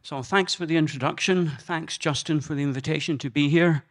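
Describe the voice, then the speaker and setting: An older man with a Scottish accent, giving an earnest, measured personal talk at a conference on a handheld microphone. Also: on the high side. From Scotland. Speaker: conference speaker. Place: conference room.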